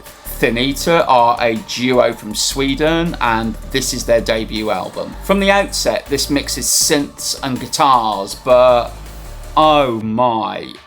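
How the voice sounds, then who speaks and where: A man's voice: mid-range voice, fairly bright tone. Enthusiastic man reviewing goth albums. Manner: enthusiastic, wry and conversational. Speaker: music vlogger reviewing albums.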